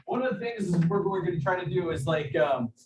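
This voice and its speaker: A man, a chef, giving a casual cooking demonstration in a kitchen over a video call. He talks in a hesitant, halting way, with lots of fillers and restarts. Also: high-pitched, animated, crowd noise. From United States. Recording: echoey room, far from mic, background noise.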